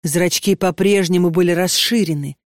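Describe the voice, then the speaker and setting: A woman reading a dark story as audiobook narrator, in a steady, measured voice. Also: on the low side, no room sound, studio quality. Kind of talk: scripted narration.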